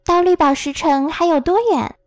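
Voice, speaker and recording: A woman's voice: high voice, steady tone, moderate pace, dry recording, faint music behind, voice pushed up. A woman reading a storybook aloud and voicing a polite, brave little girl. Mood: curious. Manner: polite, bright and eager.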